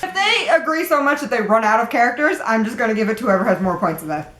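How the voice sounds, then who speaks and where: Woman, fairly high and lively voice, playful quiz-host delivery, echoey room. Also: fast talker. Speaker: host and judge of a sorting game. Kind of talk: casual chat.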